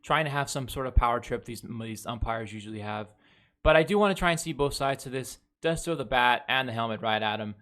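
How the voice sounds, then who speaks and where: A man's voice: mid-range voice, brisk, fairly bright tone. Blunt, foul-mouthed male sports fan. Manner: blunt and heavily profane; talks over game footage, reviewing plays. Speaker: baseball fan commentator. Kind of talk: casual sports recap commentary.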